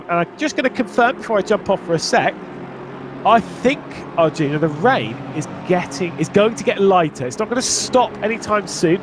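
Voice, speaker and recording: A man's voice: high-pitched, noisy background. A man with a modern Southern English accent giving live commentary on a racing event. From southern England. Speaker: motorsport commentator.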